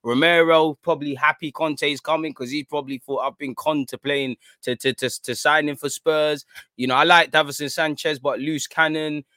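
A man's voice: on the high side, fairly even intonation, normal speed, bright, forceful tone, dry recording. Casting: male football content creator, urban London roadman accent, slangy casual chat, very dry recording. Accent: London, urban street slang. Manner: slangy roadman-style talk, addressing listeners as bro and man.

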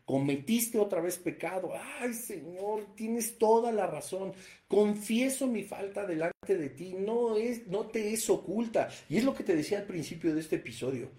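Preacher, punchy bible lesson, mellow voice, echoey room. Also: mid-range voice. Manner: emphatic, rhetorical questions, reads verses aloud. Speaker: Bible teacher.

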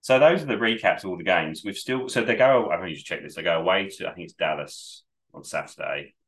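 In a low, slightly bright voice and a brisk pace, a man co-hosts a casual podcast while shaking off a cold. His talk wanders cheerfully, with frequent self-corrections.

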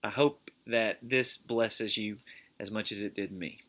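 A male host introducing an episode in an unhurried way, with a few fillers. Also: on the low side, steady tone, fairly bright tone.

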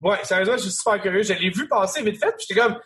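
A young man with a Québécois French accent, a chatty co-host asking about games with quick restarts. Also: high-pitched, a bit bright. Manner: quick, chatty, easily curious, lots of restarts. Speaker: podcast co-host. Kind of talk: casual chat about video games.

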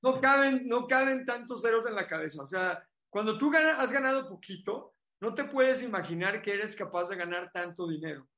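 A man from Mexico with a Mexican Spanish accent, a motivational speaker telling an animated, emphatic story in a casual interview. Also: high-pitched, normal speed, few pauses, echoey room.

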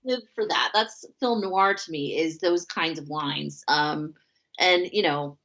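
A woman's voice: deep voice, takes it slowly, a bit bright, muffled recording. A woman chatting casually about a film she loves, full of "like" and "you know". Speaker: podcast co-host.

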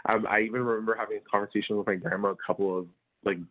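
A man's voice: on the low side, fairly even intonation, racing. A man in his early twenties from India, answering interview questions in a rambling casual way full of fillers. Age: early 20s. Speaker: guest. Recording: phone-like remote call audio.

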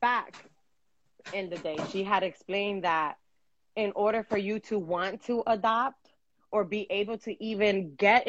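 A low-voiced woman co-hosting a chat show from her end of a video call. She talks earnestly and rambles, circling back on herself with plenty of "um"s. The sound is dry and a little dull, like lo-fi call audio. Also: fairly bright tone, no room sound. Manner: earnest, rambling with many fillers and restarts. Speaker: podcast co-host.

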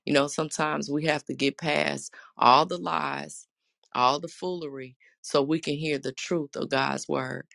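Faith host with a really raspy gravelly voice, slow, praying n sharing, kinda flat pitch. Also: no room sound, studio quality. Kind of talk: devotional talk and prayer.

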